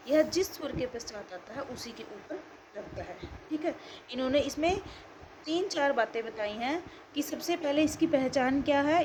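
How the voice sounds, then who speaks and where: A woman's voice: high-pitched, background noise. A woman school teacher giving an online grammar lesson, explaining step by step and answering her own questions.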